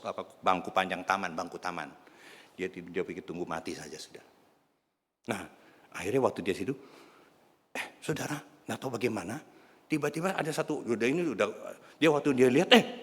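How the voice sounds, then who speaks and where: A man's voice: fairly low pitch, fairly bright tone. A man preaching a sermon, telling a story animatedly and addressing the congregation directly. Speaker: pastor. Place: church. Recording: reverberant church hall.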